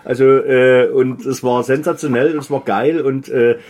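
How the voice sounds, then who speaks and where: A man's voice: mid-range voice, fairly even intonation, unhurried, darkish tone. A middle-aged man with a Saxon German accent, co-hosting a podcast in loose, enthusiastic chat full of fillers. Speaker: podcast co-host, DJ. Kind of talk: casual chat.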